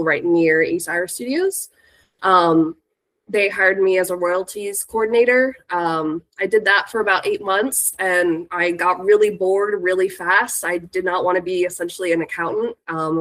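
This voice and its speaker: The recording is low quality, capturing a fairly low-pitched, slightly bright female voice. An American in her thirties from Northern California, she's a music industry professional sick with a cold, and her congested voice carries an informal, chatty guest talk about herself.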